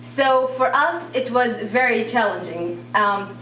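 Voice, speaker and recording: A woman's voice: fairly high pitch, a bit bright. Talkative young woman, Arabic native speaker. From Iraq. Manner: talkative, halting, with many fillers and restarts. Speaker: storyteller. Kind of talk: live personal storytelling. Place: cafe stage at a live event. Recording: roomy cafe, speaker far from mic.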